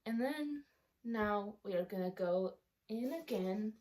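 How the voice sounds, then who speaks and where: This young book vlogger has a medium-pitched, slightly mellow voice, and she speaks expressively and takes her time. Her casual talk rambles with plenty of ums and self-corrections, and her retainer slightly affects how she sounds. She's outdoors or by a sunny window inside her home.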